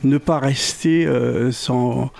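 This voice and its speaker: Slow, gravelly man from French Guiana. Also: mid-range voice, steady tone, darkish tone. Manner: slow, halting, many repetitions. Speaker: musician guest. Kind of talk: radio interview.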